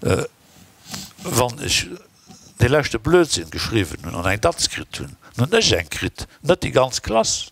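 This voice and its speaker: Brief: man, low gravelly voice, dry close sound, opinionated conference panelist. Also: sing-song, a little slow, fairly bright tone, no echo. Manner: opinionated, conversational. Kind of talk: conference discussion. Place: conference hall.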